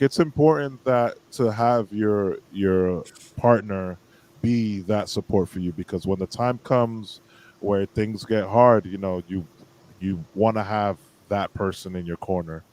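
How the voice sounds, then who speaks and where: A man's voice: deep voice, warm tone, rough recording. A man in his thirties, a guest musician, chatting casually in an interview and laughing often.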